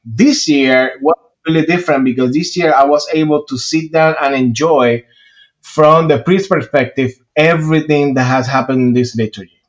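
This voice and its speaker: A man's voice: fairly high pitch, moderate pace, muffled recording. A man with a Puerto Rican Spanish accent, a priest talking earnestly in a casual interview, with many fillers and restarts. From Puerto Rico.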